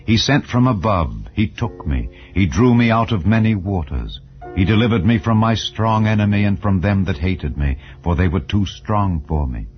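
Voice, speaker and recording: Soft music underlies a slightly lo-fi, dull recording of a man with a low, deep voice reading scripture as an audiobook narrator. His solemn, declamatory delivery is measured yet animated, shaped for archaic English.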